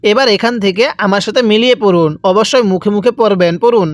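A man teaching Quran reading, spelling syllables out slowly and asking then answering his own questions. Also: sits high, no room sound, clean studio sound. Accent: Bangladeshi Bengali. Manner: drills letter by letter, asks and answers own questions. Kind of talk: slow spelled-out recitation lesson.

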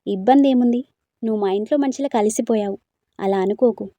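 A woman's voice: on the high side, fast, warm tone, dry recording, highs cut off, lightly acted. A woman reading a storybook, voicing a fond elderly grandmother who speaks in a coaxing, soothing way.

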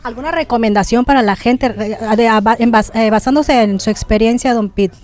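A woman's voice: on the high side, brisk, a little mellow. A woman interviewing a guest, often restarting her questions. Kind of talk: casual interview.

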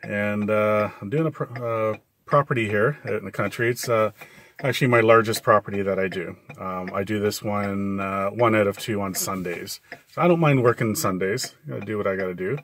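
Low-voiced halting man, clicking in background. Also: a bit bright, no echo. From Canada. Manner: halting, searching for words. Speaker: lawn care vlogger. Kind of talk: casual vlog chat. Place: cab of a parked truck at a roadside. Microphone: camera at about arm's length. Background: clicking of four-way flashers.

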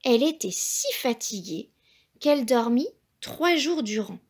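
A woman reading a children's picture book aloud in a gentle, unhurried way. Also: on the high side, expressive, breathy edge. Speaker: storyteller.

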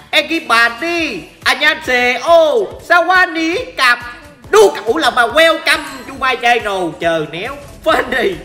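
A man's voice: a little high, a bit bright. A man with a Southern Vietnamese accent giving joking, chatty commentary over a game he is playing live, teasing opponents and talking to viewers. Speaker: gaming streamer.

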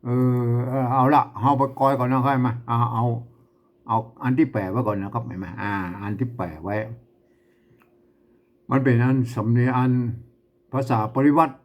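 A man teaching, chanting lines of verse and explaining them in a relaxed, chatty way with frequent laughs. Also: medium pitch, moderate pace. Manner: laughs often while explaining.

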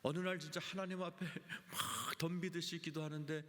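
A male senior pastor preaching a sermon with lively delivery, acting out quoted voices and dropping to soft whispers for emphasis. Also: on the high side, moderate pace. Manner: animated preaching, acts out quotes, drops to whispers. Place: large church sanctuary. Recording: church hall reverb.

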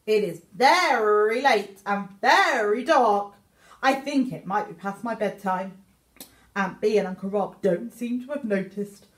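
Voicing a young meerkat writing letters home, a woman gives an expressive, exaggerated reading of a children's picture book. She uses a mid-range voice at a slightly slow pace, and the room echoes.

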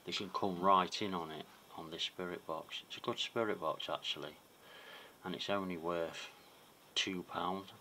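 A man's voice: low-pitched, fairly even intonation, moderate pace, pushed and bright. A man chatting casually and hesitantly to viewers as a paranormal vlogger, murmuring and repeating himself, on a noisy home recording in a small room.

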